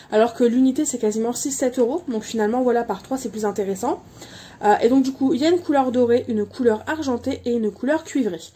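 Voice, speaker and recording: A woman hosting her crafts channel, chatting casually through a haul of supplies, halting often with fillers and restarts. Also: a little high, dark tone, husky. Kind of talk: casual product haul chat.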